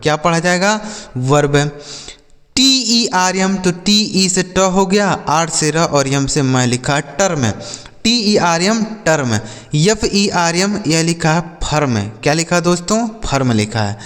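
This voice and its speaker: A man's voice: a little high, lively intonation, slow pace, fairly bright tone, long reverb tail. A man teaching English pronunciation in Hindi, spelling out words and quizzing his students with repeated questions. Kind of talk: spoken lesson on pronunciation.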